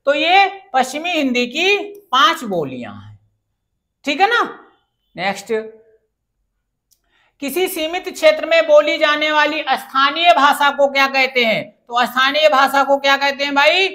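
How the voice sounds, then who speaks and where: A woman with a high, bright voice works through exam questions one after another. She asks the class each question, then answers it herself with a steady teacher's rhythm. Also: unhurried. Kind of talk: exam-prep grammar lesson.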